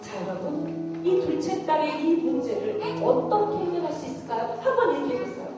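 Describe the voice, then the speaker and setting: A woman missionary telling a story in a sermon, animated and putting questions to the audience. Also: high voice, normal speed. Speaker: missionary preacher. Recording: echoey hall, distant mic, faint music.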